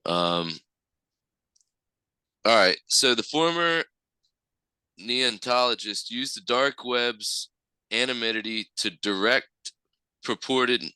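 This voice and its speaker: A man's voice: mid-range voice, slow pace, pauses often, pushed and bright, smooth, no room sound, rough recording. A man co-hosting a podcast, reading news articles aloud steadily and sometimes stumbling over long terms. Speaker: podcast co-host.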